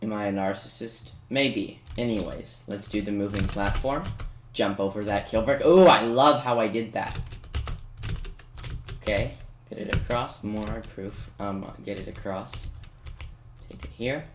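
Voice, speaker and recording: A gaming video maker with a lowish voice and measured pace narrates his own gameplay, mocking himself one moment and boasting playfully the next. The home recording sounds roomy and noisy, with keyboard clicks audible.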